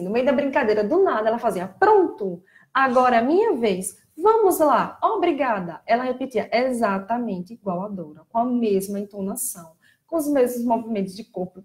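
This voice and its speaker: Brazilian woman explaining speech therapy. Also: a little high. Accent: Brazilian Portuguese. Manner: explanatory, animated when imitating children. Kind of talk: casual live-stream talk.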